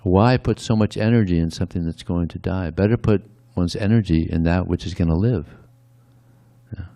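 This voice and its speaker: A man's voice: low-pitched, moderate pace, warm tone, no echo, clean studio sound. A man giving a conversational devotional sermon, often adding "yeah" between points. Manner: conversational, frequent "yeah" asides. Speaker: speaker at a temple.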